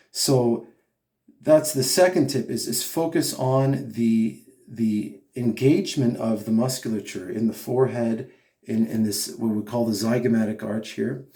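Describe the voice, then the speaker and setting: A man's voice: mid-range voice, mellow, roomy sound. A man teaching singing, giving patient step-by-step instruction with short hummed and sung examples. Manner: patient, explanatory, with sung demonstration notes. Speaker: vocal coach. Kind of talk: singing lesson, spoken instruction.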